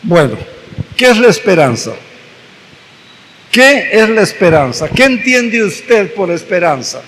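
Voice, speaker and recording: A man with a high voice preaches at an unhurried pace, leaning on each phrase and repeating it for emphasis. His words ring out with a long reverb through a church hall. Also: big pitch swings, a bit bright, slight background noise. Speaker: pastor. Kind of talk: sermon.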